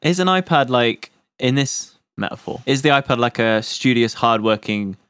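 A man's voice: mid-range voice, expressive, moderate pace, a bit bright, smooth, no room sound. A man riffing wryly in casual comedic banter, laughing often.

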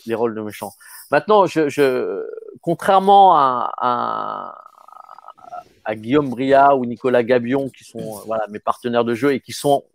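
A man in his fifties, an actor talking casually in an interview, often halting and repeating words. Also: medium pitch, vocal fry, dry recording, studio quality. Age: 50s. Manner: halting, stammering repetitions. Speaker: actor guest.

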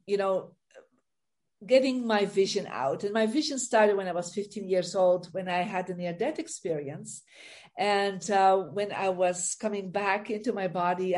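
A middle-aged Belgian woman with a Belgian accent speaks at a medium pitch, her voice a little mellow. She's a guest in a casual interview over a video call, telling her story with light laughs.

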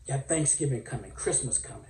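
A man's voice: medium pitch, quick pace, mellow. A man hosting a podcast, talking in a casual, rambling monologue with lots of fillers. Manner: rambling, self-aware, filler-heavy. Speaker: podcast host. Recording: roomy, distant from mic.

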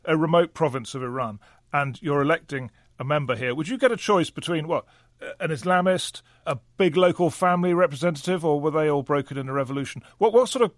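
A man's voice: on the high side, fairly quick, no echo, studio quality. A man hosting a panel discussion, asking questions in a wry, conversational manner. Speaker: radio panel host.

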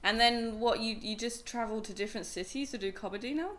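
A woman interviewing a guest in casual chat, relaxed, laughing easily and giving short replies. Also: fairly high pitch, fairly quick.

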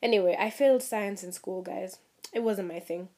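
A young woman from Kenya ranting casually to her viewers, animated and laughing, swearing freely and mimicking people. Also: moderate pace. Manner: animated, swearing, mimics others in high voices, laughs at herself. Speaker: vlogger. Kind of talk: casual rant to camera.

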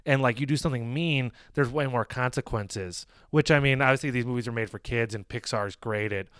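Rambling young man with a smooth voice. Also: mid-range voice, a little fast, dry recording, clean studio sound. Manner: rambling, filler-heavy, animated when retelling jokes. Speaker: podcast co-host. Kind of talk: casual movie review chat.

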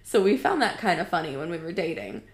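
A woman's voice: on the low side, sing-song, quick pace. A woman in her twenties co-hosting a casual chat, talking in a chatty way with lots of filler words and frequent laughs. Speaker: podcast co-host. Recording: echoey room.

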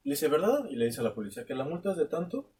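A young man with a Mexican accent telling a long, animated anecdote in casual chat, swearing freely and acting out both sides of the dialogue. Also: fairly high pitch, racing, far from the mic. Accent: Mexican Spanish. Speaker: podcast co-host. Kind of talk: casual storytelling.

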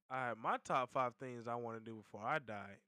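A young man hosts a casual podcast with his friends, medium-pitched and easygoing. He talks in a relaxed, joking way with plenty of swearing and laughter. The sound is close and dry, with no room echo. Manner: laid-back, profane banter with frequent laughs. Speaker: podcast host. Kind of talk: casual chat.

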